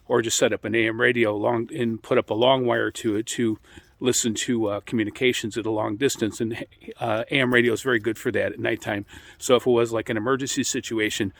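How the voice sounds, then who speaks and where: A middle-aged American man giving an informal, rambling explanation as a radio hobbyist, speaking in a halting way. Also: fairly low pitch, a bit bright, no room sound. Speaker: amateur radio hobbyist hosting an introductory video.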